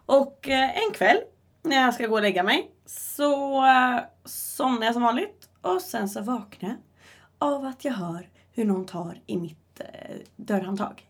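Young woman, casual chat, animated storytelling, slightly high voice. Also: slightly rough. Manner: animated storytelling, acting out her own panic.

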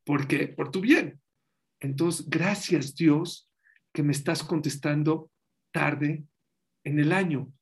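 Guy preaching, kinda high voice, acts out the stories he tells. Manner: animated storyteller, acts out voices in quotes. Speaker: rabbi. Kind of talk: sermon with acted anecdotes.

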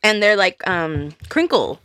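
A woman's voice: medium pitch, sing-song, unhurried, fairly bright tone, no echo. A woman co-hosting a podcast in casual chat, giggly and chatty, saying "like" often. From California. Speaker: podcast co-host.

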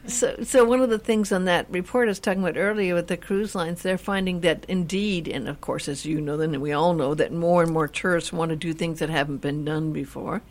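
A woman's voice: on the low side, a little fast, few pauses, darkish tone. A woman hosting a casual talk show, chatting in a rambling way with many restarts. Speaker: host. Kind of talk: casual chat.

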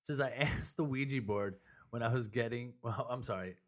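A man's voice: medium pitch, moderate pace. Joking, laughing male podcast co-host. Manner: joking, laughs often, swears casually. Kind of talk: casual chat. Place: apartment.

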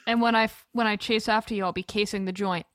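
A woman's voice: medium pitch, fairly even intonation, quick pace, a bit bright, dry recording. Woman hosting a podcast, dry sound. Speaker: podcast host. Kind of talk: casual hosting.

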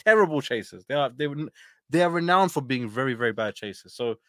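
A man speaks in a middle-pitched voice, recorded dry and close. He chats casually as a guest, often restating a phrase before moving on. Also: expressive, a little fast, fairly bright tone, dry recording. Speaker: podcast guest. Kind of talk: casual conversation.

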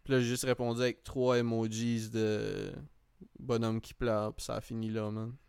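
A man's voice: on the low side, flat delivery, moderate pace, vocal fry, darkish tone, smooth, no room sound, clean studio sound. A man with a Quebec French accent chatting casually, rambling and repeating himself as he tells anecdotes, dropping in English slang. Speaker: podcast host. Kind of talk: casual chat, comic anecdote.

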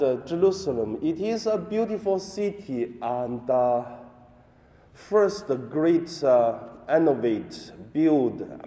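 A man serving as priest, reading the gospel and giving a homily in a slow, halting way with many fillers, in a cathedral echo. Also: medium pitch, mellow. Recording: cathedral echo, long reverb.

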